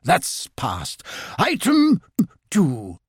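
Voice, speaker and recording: A man voicing a fussy, officious male owl chairing a meeting, with a pompous, drawn-out delivery. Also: a little high, wildly swooping pitch, breathy edge, no room sound, studio quality, exaggerated voice.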